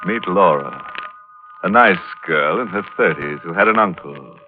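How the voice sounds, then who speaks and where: An actor playing a macabre, mock-friendly horror host in a 1940s radio drama, gleefully sardonic. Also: male voice, low-pitched, expressive, measured pace. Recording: tinny 1940s radio broadcast, music behind.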